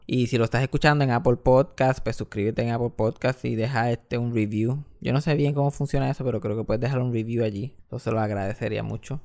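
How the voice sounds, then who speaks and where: A young man, a comedian hosting a casual podcast from his apartment, telling stories with a lively manner and slipping English words into his talk. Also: medium pitch, creaky.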